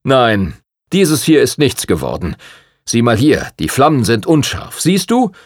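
A man's voice: huge pitch swings, a little slow, no room sound, clean studio sound. A man doing a stern, pompous old prince. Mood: impatient, lecturing. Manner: stern, lecturing, booming laugh. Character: older male prince, impatient and pompous.

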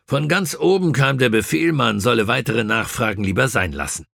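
A man voicing a stiff, irritable older army officer in an audiobook, brisk and gruff. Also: mid-range voice, animated, fairly bright tone, no room sound, studio quality, pitched above the performer's own voice, full character voice.

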